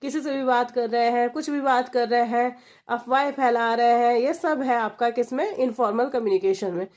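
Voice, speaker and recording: A woman's voice: a little high, normal speed, a little mellow, highs cut off. A woman giving an exam-preparation lecture, explaining step by step and asking and answering her own questions for her students. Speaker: exam-prep teacher.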